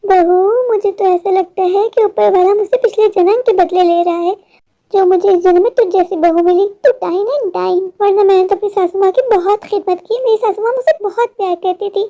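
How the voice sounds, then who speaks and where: A woman voicing a bitter, sharp-tongued older mother-in-law in a cartoon story, taunting her daughter-in-law. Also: very high voice, fairly even intonation, a little fast.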